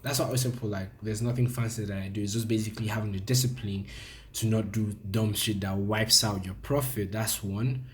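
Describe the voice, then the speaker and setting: A man's voice: lowish voice, steady tone, fairly quick, a little hiss or hum. A man teaching forex trading in a loose, conversational trade review, full of fillers and restarts. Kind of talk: casual screen-recorded trade review.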